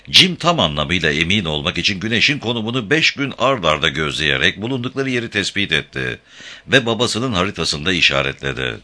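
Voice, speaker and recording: Deep-voiced male audiobook narrator. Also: bright, forceful tone. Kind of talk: scripted narration.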